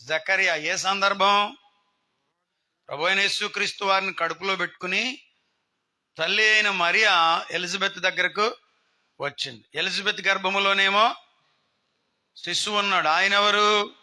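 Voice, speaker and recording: A man's voice: high-pitched, steady tone, a little slow, pauses often, pushed and bright. A man preaching a sermon, putting questions to the congregation and acting out scenes. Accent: Telugu. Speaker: pastor. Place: outdoor gathering.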